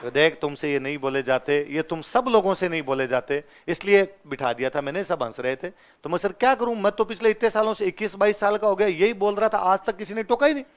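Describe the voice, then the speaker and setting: A man in his twenties with a Rajasthani Hindi accent from the Ganganagar area, teaching a class and telling stories in an animated way, acting out the dialogue and laughing often. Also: sits high, fairly quick, clear, resonant tone. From Rajasthan, India. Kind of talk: classroom lecture with anecdotes.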